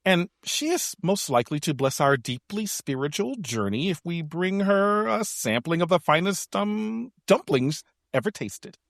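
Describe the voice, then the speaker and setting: A woman acting a lead in an audio drama, dramatic and theatrical, swinging between deadpan and excited. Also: fairly low pitch, a little slow, gravelly, few pauses, dry recording, studio quality.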